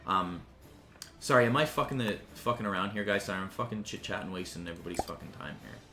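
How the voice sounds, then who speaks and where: A gaming commentator with a lowish voice rambles casually over a game at a quick pace, swearing freely and restarting his sentences. The sound is roomy, with faint music in the background.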